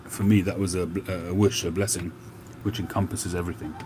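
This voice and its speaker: A man from England with a very deep voice hosts a live stream, talking easily and slowly with lots of filler pauses. His accent is a London mix of Cockney and North London, his pitch stays fairly flat, and the sound of traffic and the street is clearly present in the background.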